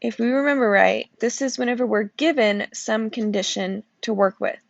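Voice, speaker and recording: A woman's voice: fairly high pitch, moderate pace, creaky, no echo, muffled recording. A woman teacher walking through probability problems step by step, sleepy and checking in with "okay?" as she goes. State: sleepy, yawning. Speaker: math teacher. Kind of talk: recorded classroom lesson walkthrough.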